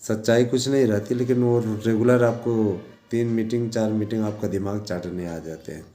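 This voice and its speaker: A man's voice: fairly low pitch, steady tone, moderate pace, warm tone. A man talking informally to his followers as a teacher and presenter, exhorting them repetitively with frequent check-in tags. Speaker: teacher and online news presenter. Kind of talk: informal monologue addressed to followers. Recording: echoey room sound.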